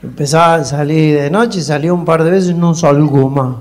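A man doing a rambling stand-up monologue as a country character. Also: moderate pace. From Mendoza, Argentina. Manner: rambling rustic storyteller, animated high voice. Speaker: comedian in character. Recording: live show recording with faint noise.

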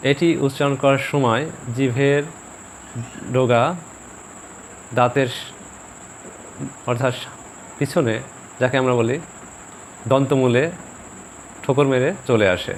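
A man teaching a pronunciation lesson in a calm, measured way. He slows down and repeats each example word so it can be copied. Faint insect and cricket sounds hum in the background. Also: mid-range voice. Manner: slow, deliberate, repeats example words for practice. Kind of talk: instructional video lesson.

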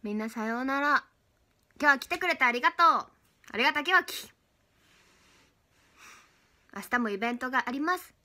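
Brief: young woman, high and bright, casual giggly livestream chat with fans. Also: expressive, moderate pace, pauses often. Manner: chatty, giggly, reads out fan names and thanks. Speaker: idol livestream host.

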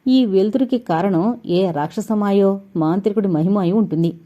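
A woman's voice: medium pitch, moderate pace, warm tone, highs cut off, natural voice. A woman voicing a timid, naive young man who asks fearful questions. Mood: scared.

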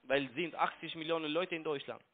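His voice sits a little high and moves a little fast. He's a call center trading broker who grew up in Italy, speaks Italian as his first language, and is being pushy and derisive in broken German during a phone call on a tinny line.

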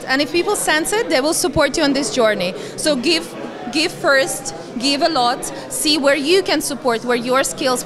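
A Latvian woman in her thirties, a fund's managing partner, speaks as a guest in a conference interview, holding a handheld mic before a banner wall in a conference hall. Her high voice carries earnest answers with slightly non-native grammar. A busy crowd chatters behind her.

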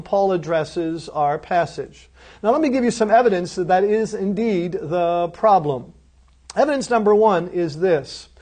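Middle-aged male professor with a high, lifted voice, teaching with emphasis. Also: darkish tone. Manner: emphatic, explanatory, asks rhetorical questions. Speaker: Bible professor lecturing. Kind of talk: recorded course lecture.

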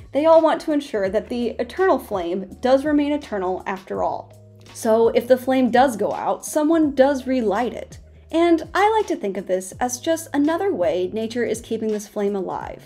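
A young woman hosting a science video, narrating a script in an earnest, gently wondering way straight to her viewers, close to a studio microphone in a small home studio. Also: on the high side. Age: young adult. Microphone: large studio mic in front of her.

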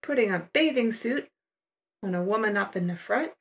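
An older woman narrates her painting process in a calm, unhurried voice-over, like a patient art teacher. Her pitch sits in the middle range, and she explains each step in a relaxed, leisurely way.

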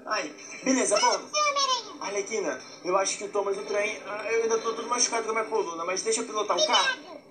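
A man with a Brazilian Portuguese accent giving excitable let's-play commentary, full of shouts and exclamations. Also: high-pitched, fast talker, poor audio. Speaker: gameplay commentator. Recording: loud game music behind. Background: loud game music.

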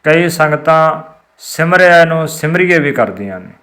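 A man teaching a scripture recitation line by line, chanting each phrase slowly and then gently explaining how to pronounce it. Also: on the high side, animated. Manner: addresses the listeners gently as beloved ones. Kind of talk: slow line-by-line recitation lesson.

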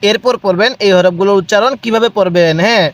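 A man teaching Quran letter reading, drilling each sound slowly and asking viewers to repeat after him. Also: high-pitched. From Bangladesh. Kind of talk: recitation lesson, spelling out letters.

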